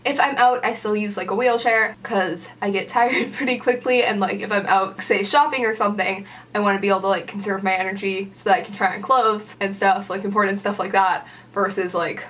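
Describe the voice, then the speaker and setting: A young adult woman vlogs casually in a small room at home, standing indoors by a door, rambling with lots of "like" and gesturing with her hand. Her mid-range voice is steady, brisk and a bit bright, with hardly any pauses, picked up by a distant mic.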